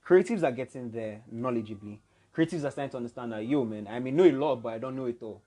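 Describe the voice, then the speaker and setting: A man's voice: medium pitch, fast talker, mellow. Emphatic man, podcast guest. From Nigeria. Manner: emphatic, keeps checking the listener follows. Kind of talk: casual podcast discussion.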